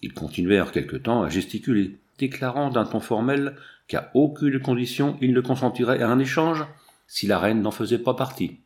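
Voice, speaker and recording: A man reading an adventure novel aloud in a measured, dramatic storytelling manner. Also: medium pitch, lively intonation, darkish tone. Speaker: audiobook reader. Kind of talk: audiobook narration.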